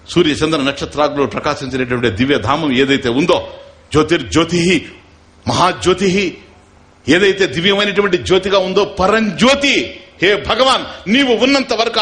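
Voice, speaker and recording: A man's voice: on the high side, a bit bright. A man teaching as a spiritual teacher in a scripture discourse, asking his listeners rhetorical questions and chanting verses.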